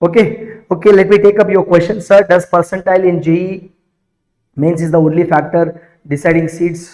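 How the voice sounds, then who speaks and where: A man's voice: high voice, fairly even intonation, quick pace, darkish tone. A man with a South Indian accent teaching students in an emphatic, repetitive way, often putting questions straight to them as an exam coach. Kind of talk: live motivational lesson to students.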